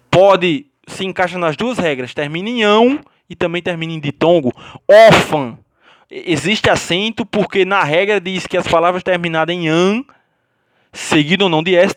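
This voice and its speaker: A man's voice: fairly high pitch, a bit bright. A Brazilian man teaching a grammar lesson, explaining step by step and often checking in with his students. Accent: Brazilian Portuguese.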